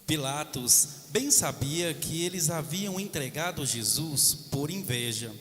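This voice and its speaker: A man narrating the Passion Gospel in church, reading slowly and steadily. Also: fairly high pitch, lively intonation, a bit bright, faint music behind. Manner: slow, measured reading. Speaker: reader of the Passion. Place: large cathedral. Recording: echoey cathedral hall.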